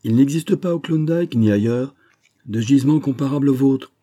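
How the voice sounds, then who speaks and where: A man voicing an effusive, flattering middle-aged male bank sub-director in an audiobook reading. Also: on the low side, moderate pace, natural voice. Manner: gushing, emphatic, flattering.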